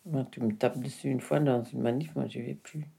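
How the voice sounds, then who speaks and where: Speaking briskly with fairly even intonation, the filmmaker's mother has a very deep, husky, mellow voice with vocal fry. In this intimate interview she uses French, not her native tongue, often searching for words and starting over.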